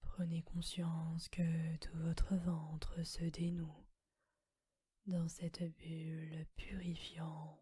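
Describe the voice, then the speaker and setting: A woman guides a relaxation meditation entirely in an unvoiced whisper. Her delivery is very slow and flat, with a breathy, mellow tone. The sound is close and dry. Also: low voice, dry recording.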